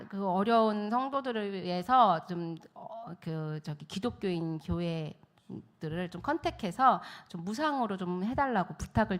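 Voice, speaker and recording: A woman missionary giving a testimony sermon in a church, telling her story with animated storytelling and acting out the voices she quotes. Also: mid-range voice. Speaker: missionary speaker.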